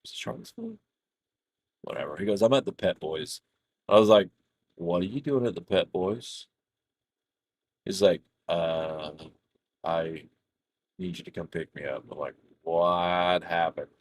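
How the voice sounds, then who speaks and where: A man's voice: low voice, unhurried, pauses often, no room sound. A man casually telling a rambling, profane story while streaming a game. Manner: profane, rambling, laughs through his own anecdote. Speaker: gaming streamer.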